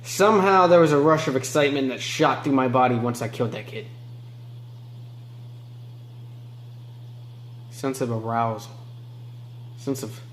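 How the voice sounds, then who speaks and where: A man playing a remorseless male killer in an amateur film monologue, moving between low mutters and sharp outbursts. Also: roomy sound, a little hiss or hum. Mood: hushed, chilling. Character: remorseless male killer recounting his crimes.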